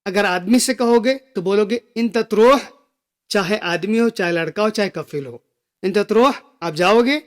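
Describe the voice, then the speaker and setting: A man teaching a spoken language lesson, slowly repeating each phrase for learners. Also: high-pitched. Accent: Gulf Arabic phrases within Hindi speech. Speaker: Arabic teacher.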